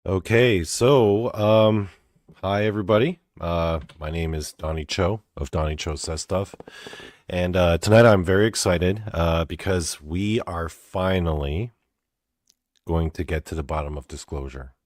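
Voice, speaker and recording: A young man from Canada hosting a comedy interview show, talking in a halting, awkward way full of fillers. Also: low-pitched, darkish tone, no room sound, clean studio sound. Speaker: host.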